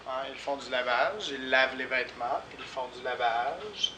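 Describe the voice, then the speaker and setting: A man with a Québécois French accent, teaching a French lesson slowly and repeating words and spellings. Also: medium pitch. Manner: slow, deliberate, repeats words and spells them out. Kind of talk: slow classroom lesson. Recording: echoey room, voice from far off, clear background noise.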